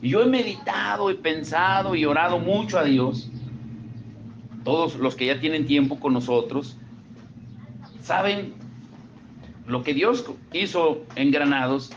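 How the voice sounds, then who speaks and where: Un hombre con acento mexicano da un sermón con voz un poco alta y cercana, como si conversara con los fieles. El audio es opaco, de poca calidad, con un ligero ruido. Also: male voice, fairly high pitch, measured pace, long pauses, dull audio, a little hiss or hum. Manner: conversational preaching, asks the congregation questions. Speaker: pastor. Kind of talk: sermon. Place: church service.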